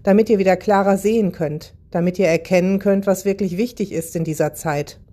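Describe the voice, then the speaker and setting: Lady reading as a gentle old father christmas, kind and calm, soft mellow tone. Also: medium pitch, fairly quick, natural voice. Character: kindly gentle Father Christmas, older male.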